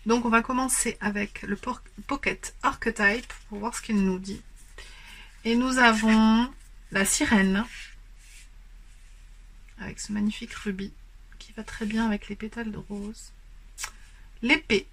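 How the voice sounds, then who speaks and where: A woman giving a spoken tarot card reading. She explains gently and pauses often, filling the gaps with hesitant fillers. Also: fairly high pitch, fairly even intonation. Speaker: tarot and oracle card reader. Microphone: camera on a stand.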